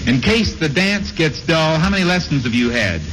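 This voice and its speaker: A middle-aged man hosts a radio game show in a jovial, teasing way, firing off quick directions to his guests. His voice sits fairly high for a man. It comes from an old broadcast transcription disc, buried under heavy surface noise. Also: animated. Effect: played from an old broadcast transcription disc. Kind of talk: playful radio show banter before a live audience.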